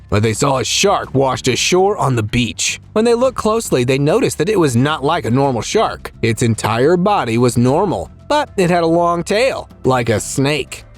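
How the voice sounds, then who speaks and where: A man reading scripted nature documentary narration for a video about strange creatures, as a voice-over. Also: a little high.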